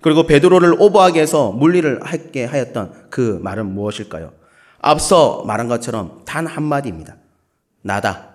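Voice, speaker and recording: A Korean man with a Gyeongsang accent preaches with a very animated, swooping voice. He is playful and breaks into short acted quotes, his pitch sitting in a middle range for a man. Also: brisk. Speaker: pastor. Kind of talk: sermon.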